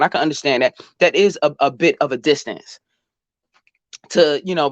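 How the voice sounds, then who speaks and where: A woman's voice: low-pitched, no echo, lo-fi sound. A woman vlogger giving blunt, profane, scolding commentary, talking straight to the person she is criticizing. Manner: blunt, scolding, profane, addresses the subject directly. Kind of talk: casual reaction commentary.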